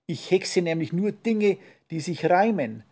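Grouchy old witch, female, grumbling and scolding, played by a man, gravelly dark voice. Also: high voice, lively intonation, a little slow, pitched above the performer's own voice, heavily acted. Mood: grumpy.

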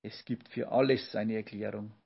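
A man's voice: on the low side, fairly even intonation, normal speed, creaky, slightly rough, highs cut off. A man doing an ancient mumbling creature grandpa. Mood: soothing. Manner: mumbling, soothing. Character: ancient calm male Olchi grandfather creature.

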